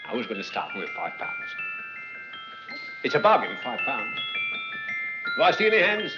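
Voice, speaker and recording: An actor playing a chatty, hustling auctioneer, in theatrical, repetitive sales patter from 1940s film acting. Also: male voice, mid-range voice, wildly swooping pitch, normal speed. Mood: coaxing, hustling. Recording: muffled 1940s film soundtrack, music behind.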